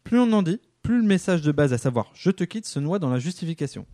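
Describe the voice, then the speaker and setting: Male comic columnist, lively delivery, slightly raised pitch, dry studio sound. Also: no room sound. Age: under 50. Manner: lively, acts out quick dialogue in different voices.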